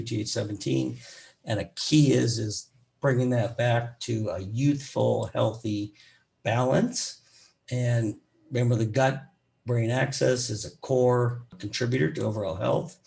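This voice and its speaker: A man with a raspy voice, a physician giving an educational medical talk in a loose, rambling way with many fillers. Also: mid-range voice, a little mellow. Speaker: physician presenter.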